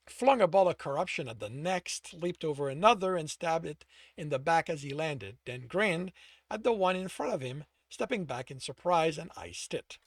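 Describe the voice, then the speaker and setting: A man narrating his own fantasy novel aloud, pausing to correct himself as he reads. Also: fairly high pitch, dry recording, studio quality. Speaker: author reading own story. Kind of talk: audiobook narration.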